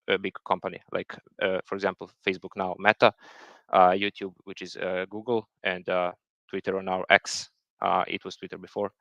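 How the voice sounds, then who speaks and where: A man's voice: low-pitched, vocal fry, a bit bright, no echo. A man giving a technical talk, hesitant and full of fillers and repeated words. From Serbia. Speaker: software engineer presenting a talk. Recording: dull lo-fi sound.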